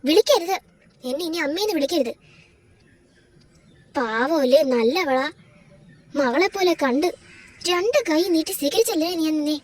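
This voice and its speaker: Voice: sits high, lively intonation, unhurried, long pauses, voice pushed down. A voice actor playing a bitter, accusing mother-in-law in a home-made doll drama, speaking in a harsh, scolding way. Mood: scornful.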